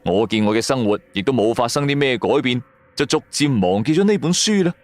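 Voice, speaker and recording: In a radio drama, a man with a Hong Kong Cantonese accent tells a first-person story in a colloquial, storytelling way, sounding animated and brisk. His voice is mid-range with no room sound, and music plays behind him.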